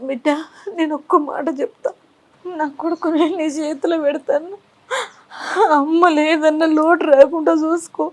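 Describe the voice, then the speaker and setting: A woman's voice: sits high, fairly even intonation, normal speed, pauses often, a little mellow, lightly acted. A woman playing a grieving village mother who pleads and weeps over her married son. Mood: tearful pleading. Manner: sobbing, pleading, lamenting. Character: grieving village mother, middle-aged, tender and tearful. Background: music.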